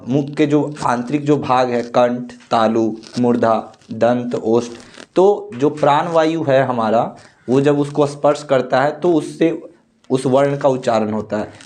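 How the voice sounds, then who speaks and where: A man teaching a grammar lesson for board exams, slowly explaining each point and drawing out the rules he recites. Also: a little high, darkish tone. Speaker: Sanskrit teacher. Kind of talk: board-exam grammar lecture.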